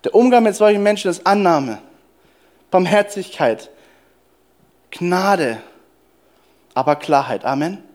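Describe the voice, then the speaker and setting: A man with a high voice preaches with insistent emphasis. He repeats phrases and climbs in pitch as he drives each point home, in the style of a church sermon. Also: animated, slow, pauses often. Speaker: pastor.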